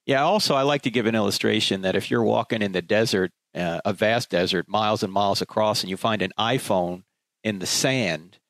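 A man's voice: lowish voice, fairly quick, fairly bright tone, no echo. A man hosting a radio interview show in a conversational way, asking questions and wrapping up segments.

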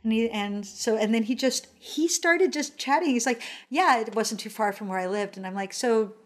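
A woman telling a casual, animated anecdote, acting out the quoted voices and using lots of fillers. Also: a little high, moderate pace. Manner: frequent fillers like "like". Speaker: storyteller.

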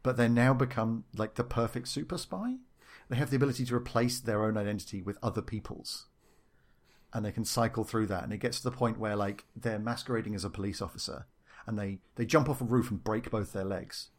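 A man's voice: lowish voice, a little fast. A man talking casually about the game he designs, with many fillers and restarts. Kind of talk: casual interview chat.

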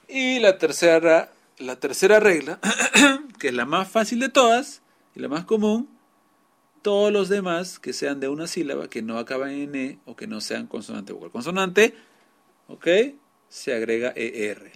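A man's voice: on the high side, sing-song, a little slow, vocal fry, fairly bright tone. A man teaching English grammar, patiently explaining each rule and repeating examples in two languages.

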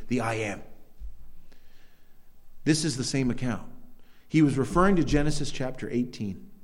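An American man preaching a conversational sermon, telling stories with animated peaks and frequent restarts. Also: medium pitch. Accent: American English. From United States. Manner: storytelling with rising animated peaks, self-repeating restarts.

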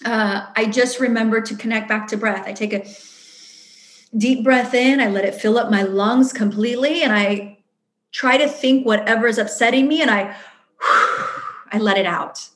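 A woman's voice: a little high, moderate pace. Chatty woman in an echoey room. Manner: chatty, full of fillers and acted-out inner voices. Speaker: guest. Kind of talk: casual interview answers. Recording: roomy echo.

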